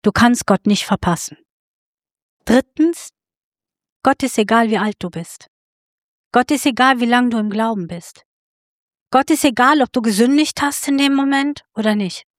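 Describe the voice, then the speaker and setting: Woman preacher, higher voice, story-driven sermon, dry recording. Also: moderate pace, long pauses, dry recording. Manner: storytelling, appealing directly to listeners.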